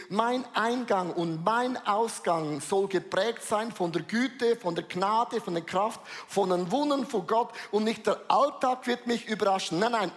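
High-voiced preacher with long hall reverb. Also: male voice. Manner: emphatic, repeats key phrases and speaks to the audience directly. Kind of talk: sermon.

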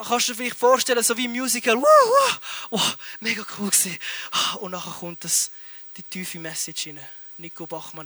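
A man preaching a sermon, retelling scripture in an animated, emphatic way and repeating words for effect. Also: very high-pitched, dry recording.

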